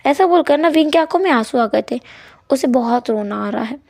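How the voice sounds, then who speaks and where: High-voiced woman narrating a story. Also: lively intonation, a little fast, creaky, a little mellow. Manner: chatty, with filler "ना" and "हम्म".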